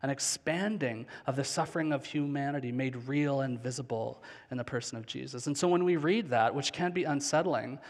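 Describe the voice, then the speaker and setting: A man in his thirties preaching a sermon on a large church stage with a headset mic, earnest and slowing down on key phrases. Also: medium pitch. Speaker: pastor. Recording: long hall reverb.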